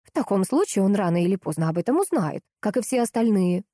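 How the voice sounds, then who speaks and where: A woman voicing a calm young sister-in-law who speaks in an even, faintly mocking tone. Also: medium pitch, fast talker, no room sound, clean studio sound.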